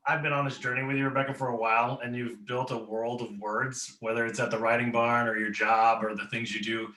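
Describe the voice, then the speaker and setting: A man gives an earnest, rambling toast over a video call. His voice is bright and forceful. The sound carries a roomy echo around it. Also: medium pitch, flat delivery, fairly quick. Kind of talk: casual toast.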